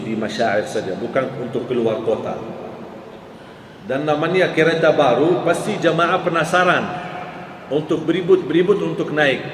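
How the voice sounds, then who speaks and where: A man giving a sermon, telling stories and raising his voice high on key words. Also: far from the mic. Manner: storytelling, pitch rising sharply for emphasis. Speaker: preacher. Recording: echoey hall with faint ambient noise.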